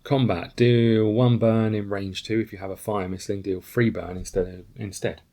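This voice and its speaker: Low-voiced man talking through a game. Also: level tone, moderate pace, mellow. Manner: thinks aloud, reads rules, checks himself. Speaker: solo board game player. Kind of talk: casual tabletop playthrough.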